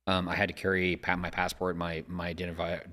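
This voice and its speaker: A man hosting a casual discussion, talking in a measured, reflective way and often restarting his sentences. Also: deep voice, monotone, pushed and bright. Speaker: podcast host.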